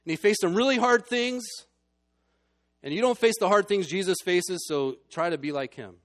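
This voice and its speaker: A man delivering a sermon from the pulpit. His voice sits a touch higher than most men's, and he drops to a hushed hold before climbing into emphatic, ringing lines. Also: moderate pace. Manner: swings between hushed and emphatic. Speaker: pastor.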